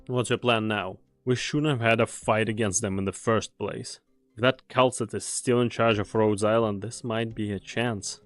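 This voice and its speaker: A man with a fairly low voice plays a world-weary mercenary comrade in an anime game dub, speaking gravely and deliberately like a fatalist who still does his duty. The recording is dry with faint music beneath, no echo, and fairly even intonation close to his everyday voice. He sounds probing and suspicious.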